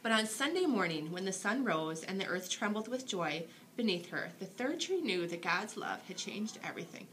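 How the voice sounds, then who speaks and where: Animated woman reading a bedtime story. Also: medium pitch, normal speed, few pauses, slight background noise, low-quality recording. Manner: expressive, dramatic storytelling for children. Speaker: storybook reader. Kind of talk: bedtime story read aloud.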